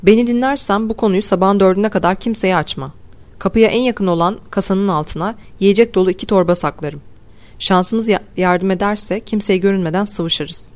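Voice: medium pitch, normal speed, darkish tone, natural voice. A reader voicing a cautious clerk plotting in secret. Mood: conspiratorial. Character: cautious grocery clerk man planning an escape.

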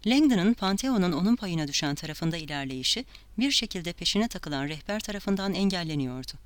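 Smooth, clear audiobook reader. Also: mid-range voice, lively intonation, brisk, no echo. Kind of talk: audiobook narration.

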